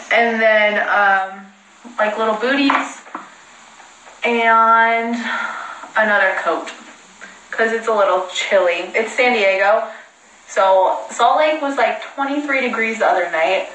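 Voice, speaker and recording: In an echoey room at home, a young woman livestreams casually, chatting on a phone in a meandering, self-deprecating way. Her voice is a little high and fairly bright, delivered at a measured pace, with a slight hiss or hum in the background.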